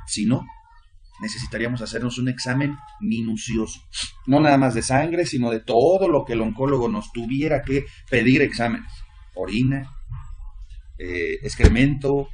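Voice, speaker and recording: A man's voice: medium pitch, darkish tone. A man, preaching a sermon and leading prayer in an earnest, repetitive way.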